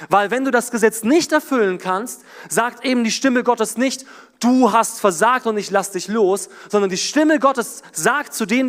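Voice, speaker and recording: A man preaching a sermon, swinging from loud emphasis to quiet, low passages. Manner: animated, rises and drops in volume for emphasis.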